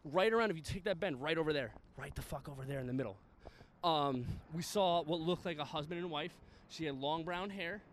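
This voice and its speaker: A man in his thirties with a high-pitched voice, walking outdoors and chatting. He tells stories loosely, swears freely and laughs often. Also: brisk, a little hiss or hum. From the Bronx, New York. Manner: profane storyteller, laughs often. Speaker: guest. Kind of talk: casual chat while walking. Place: outdoors in a cemetery.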